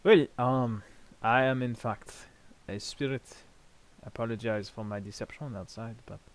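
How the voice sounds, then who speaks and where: A man playing a helpful, apologetic gravedigger spirit in a tabletop game, speaking politely and formally with hesitant pauses. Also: mid-range voice, natural voice. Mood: formal, earnest. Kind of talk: improvised tabletop role-play.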